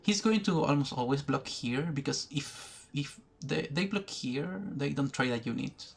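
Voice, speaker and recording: A man giving educational commentary over a card game, thinking aloud slowly, pausing often and restarting his sentences. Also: a little high, expressive, vocal fry, slightly rough. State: has the hiccups. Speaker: gaming video creator. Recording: faint background noise, poor recording.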